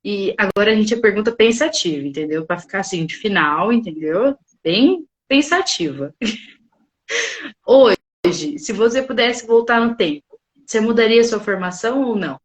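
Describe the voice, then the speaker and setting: A woman with a Brazilian accent hosting a podcast and talking in an expressive, chatty way. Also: medium pitch, moderate pace. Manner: expressive and chatty, laughing often. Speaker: podcast host. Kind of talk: casual podcast interview.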